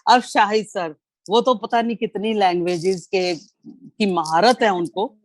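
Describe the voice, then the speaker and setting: A woman's voice: mid-range voice, unhurried, no room sound. A woman giving an effusive spoken critique of poems at a poetry session, exclaiming and quoting lines with feeling, over a video call.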